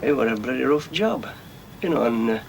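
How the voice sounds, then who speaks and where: A man's voice: mid-range voice, animated, fairly quick, gravelly, slight background noise. A man, a coal miner talking plainly for an old documentary, his broad local speech full of little asides. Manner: plain-spoken, broad local speech, nervous before going on. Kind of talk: documentary interview.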